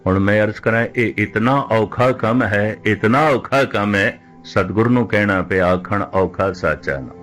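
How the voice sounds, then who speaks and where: A man preaching a religious discourse in a measured, deliberate way, slowing right down when he quotes scripture. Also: lowish voice, a bit bright, faint music behind. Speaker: Sikh preacher.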